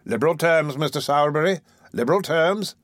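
A man's voice: a little high, animated, brisk, no room sound, studio quality, voice pushed up. A man voicing a pompous, self-important parish beadle in an audiobook reading. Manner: pompous and blustering.

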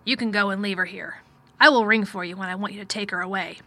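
A woman acts out a miserable, distracted gentleman from a storybook. He is fretful and curt, speaking in abrupt, emphatic bursts with a bright, forceful edge. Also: medium pitch, fairly even intonation, quick pace.

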